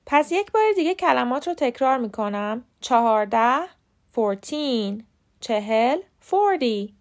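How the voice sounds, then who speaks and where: A woman with a Persian accent, hosting a podcast and giving a scripted English lesson with clear, careful enunciation of example words. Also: a little high. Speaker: podcast host and English teacher.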